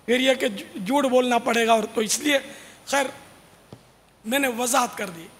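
Speaking to a large gathering in a religious Q&A session, a male religious scholar explains points and admonishes listeners in a very high, fairly bright voice. Long reverb fills the hall, with faint background noise.

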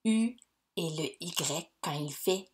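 A woman, teaching young pupils in a slow, clear, encouraging way. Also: lowish voice, slight background noise. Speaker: primary school teacher. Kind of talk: recorded lesson for young pupils.

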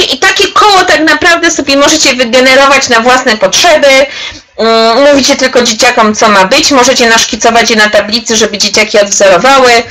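A woman's voice: on the high side, bright, forceful tone, rough recording. Upbeat woman trainer leading a webinar. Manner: chatty and encouraging, addresses participants by name. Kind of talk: live online workshop demonstration.

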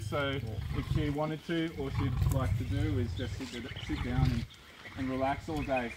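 A young Australian man giving an informal, instructive zookeeper talk outdoors, breaking off to praise and coax the animals. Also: fairly high pitch. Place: outdoors at a zoo animal enclosure. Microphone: camera a few metres away. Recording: very noisy outdoor phone recording.

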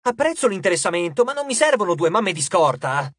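A narrator voicing a brash, joking teenage boy who talks loudly with forced cheer in an audiobook. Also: mid-range voice, big pitch swings, normal speed, breathy edge, dry recording, studio quality. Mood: esuberante.

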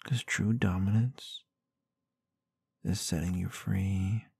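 A man playing a tender, protective, gently dominant boyfriend in an intimate ASMR role-play, murmuring breathy, husky reassurance with soft hums, close to the microphone. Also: low voice, fairly even intonation, slow pace, no echo, exaggerated voice. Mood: protective, reassuring. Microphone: close microphone in a dry space.

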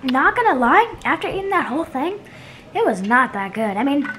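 In her home kitchen, a young teenage vlogger with an American accent talks casually to a camera at arm's length for a home cooking video. She sounds very animated, fairly quick and fairly bright, her voice high, with slight hiss or hum present.

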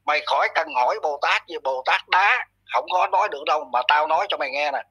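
Man, fairly high voice, forceful, blunt scolding commentary. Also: fast talker, creaky, husky, low-quality recording. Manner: blunt, scolding, addresses listener harshly. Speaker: online commentator. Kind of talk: ranting commentary monologue.

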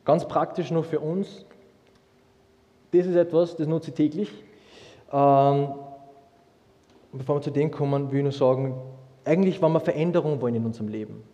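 A young man preaching a sermon, lively and humorous, with many restarts as he tells stories. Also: on the high side, moderate pace, long pauses, dull audio. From Austria. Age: young adult. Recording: long hall reverb.

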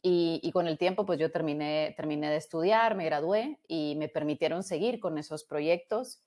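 A woman in her thirties with a Guatemalan Spanish accent, telling her career story in a relaxed, reflective way, often restarting words and adding tag questions, heard through an earbud headset on a video call from a small room. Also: low voice, normal speed. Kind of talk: casual conversational storytelling.

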